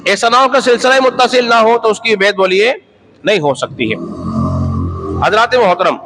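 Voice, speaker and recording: A man's voice: sits high, animated, normal speed, over music, rough recording. A man preaching an Islamic sermon, emphatic and repetitive, asking the audience rhetorical questions. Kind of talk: sermon lecture.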